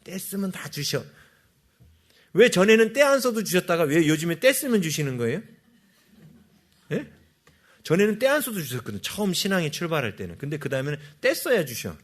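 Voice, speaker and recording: A man's voice: on the high side, big pitch swings, fast. A male pastor giving a sermon, asking the congregation questions and answering them himself.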